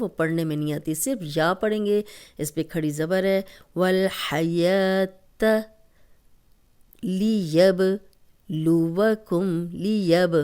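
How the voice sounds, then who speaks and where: Woman teaching recitation, pakistani urdu accent, lowish smooth voice, patient step by step. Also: a little mellow. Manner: patient, explains step by step, drawls each recited word slowly. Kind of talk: Tajweed lesson.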